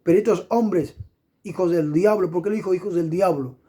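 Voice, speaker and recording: A man's voice: sits high, normal speed, mellow, slightly rough. A middle-aged man preaching an impassioned sermon, fervent and repetitive, punctuated with hallelujahs.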